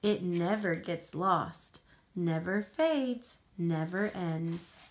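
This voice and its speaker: An American woman with a lowish voice reads a young child a picture book, expressive and in no hurry.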